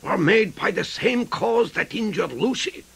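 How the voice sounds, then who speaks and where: An earnest old professor in a radio drama, with a voice that is gravelly and rough. He pleads and presses hard, and his pitch swings high and low. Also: lively intonation, unhurried, fairly bright tone, heavily acted. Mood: urgent. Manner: emphatic, pleading. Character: elderly male professor, earnest and urgent.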